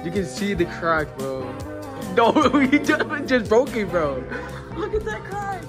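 A young man vlogging a road trip with friends, talking in excited, slangy banter and laughing a lot. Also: sits high, a little slow, music in the background. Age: young adult. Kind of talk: casual road trip vlog.

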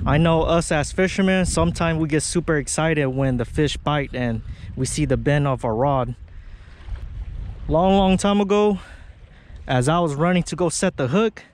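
A fishing vlogger in his thirties chats casually to an action camera worn on his body while on a lakeshore, explaining his fishing. His slightly high voice stays relaxed and chatty but breaks into excited exclamations now and then.

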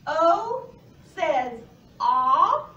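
Woman putting on a very high, childlike puppet boy. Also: lively intonation, very slow, dull audio, exaggerated voice. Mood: eager, polite. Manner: bright, exaggerated childlike delivery. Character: eager, polite young boy puppet pupil. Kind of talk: children's puppet lesson role-play. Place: classroom. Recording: roomy, noisy, distant camera mic.

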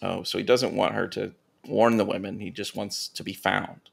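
A man co-hosting a comedy podcast, reading erotica aloud with deadpan asides and casual chat. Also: sits low, moderate pace, creaky, husky. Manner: deadpan asides between read passages. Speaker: podcast co-host reading stories.

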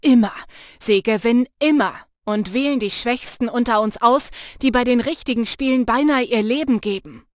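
A woman's voice: unhurried, no echo, clean studio sound, close to an everyday voice. A woman voicing an intense, protective young male shapeshifter in an audiobook, earnest and urging. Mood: harsh. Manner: low, earnest and urging, soft when teasing. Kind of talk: audiobook character voice.

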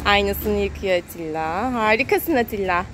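With a medium-pitched, slightly bright voice, lively intonation and normal speed, a woman narrates to her little one while holding a phone camera. Outdoors at a noisy car wash for a family vlog, she repeats words sing-song style and cheers the child on.

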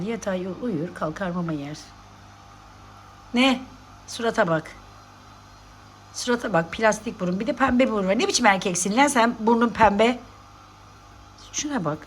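A woman's voice: mid-range voice, a little hiss or hum. A woman vlogging at home, coaxing and teasing her pet cat and scolding it playfully in casual pet talk.

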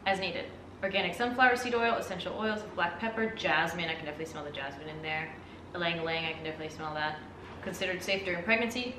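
A woman who speaks English as a second language, chatting casually as she unboxes products, reads labels aloud and swears with excitement. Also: fairly low pitch, quick pace, reverberant, distant mic, a little hiss or hum. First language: not English. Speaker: vlogger reviewing products.

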